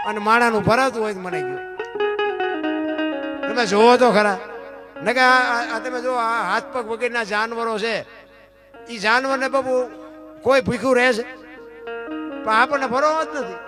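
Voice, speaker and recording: A man, a folk storyteller giving a sermon-like talk to a live audience, often asking his listeners rhetorical questions and quoting folk verse. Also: sits high. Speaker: folk storyteller speaking at a dayro.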